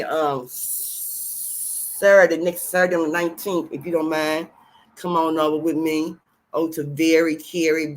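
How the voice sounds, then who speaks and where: A woman hosts a casual livestream on her own channel, her low voice slightly bright over poor audio. She rambles and repeats herself, addressing viewers as "y'all."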